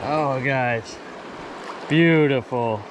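A man fishing outdoors by a river, calling out excitedly to his viewers as he lands fish, recorded on a head-mounted camera. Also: mid-range voice. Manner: enthusiastic, keeps calling out to viewers. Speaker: fishing vlogger. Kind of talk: excited on-the-spot commentary. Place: outdoors by a river under a bridge. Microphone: head-mounted action camera. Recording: action-camera audio over loud stream noise. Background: rushing stream water.

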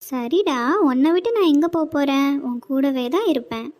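A woman's voice: high voice, animated, normal speed, darkish tone. Woman voicing a soothing tender mother. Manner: soothing, coaxing.

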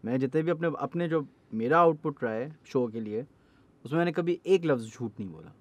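A man's voice: mid-range voice, lively intonation, fairly quick, muffled recording. A man, a horror storyteller and podcast guest, talking in an earnest storytelling way and dropping English phrases into casual conversation.

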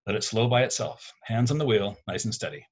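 A man reading aloud voices a protective middle-aged father who jokes easily and stays calm under pressure. The tone is low and slightly husky. It is the reader's own voice with barely any change. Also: a little fast. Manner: calm, gently joking.

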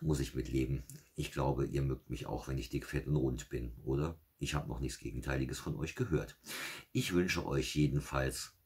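Calm bedtime storyteller, a man with a very low voice, slightly husky, relaxed and self-mocking. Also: normal speed. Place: small home studio.

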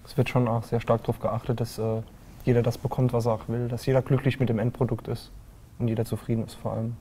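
Flat-voiced young guitarist from Saarland. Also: male voice, medium pitch, quick pace, slight background noise. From Saarland, Germany. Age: 20s. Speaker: lead guitarist. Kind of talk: studio interview answers. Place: small TV studio.

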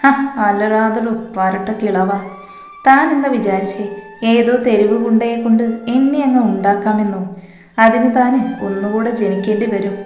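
A woman's voice: mid-range voice, flat delivery, moderate pace, a little mellow, lightly acted. A woman voicing a cocky young husband, tender with his wife and swaggering toward his enemies. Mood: defiant. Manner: teasing, swaggering. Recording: roomy echo, faint music.

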